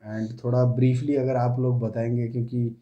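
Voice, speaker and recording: A young man from India talks through a reaction video in a relaxed, musing way. His voice is deep-toned and very dark, and he mixes Hindi and English freely. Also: moderate pace, lo-fi sound.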